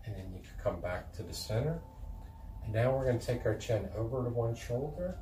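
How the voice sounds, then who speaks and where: A man calmly and gently leading a guided stretching routine as an instructor, talking in an unhurried way. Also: mid-range voice. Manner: calm, gentle, unhurried coaching. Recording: echoey room, distant mic, noisy background.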